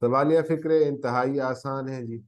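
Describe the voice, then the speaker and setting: A man's voice: mid-range voice, steady tone, moderate pace, rough recording. A man with a Pakistani Urdu accent teaching a grammar lesson, often coughing, correcting himself and checking in with "theek hai ji". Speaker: English teacher. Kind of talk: grammar lesson explaining tenses.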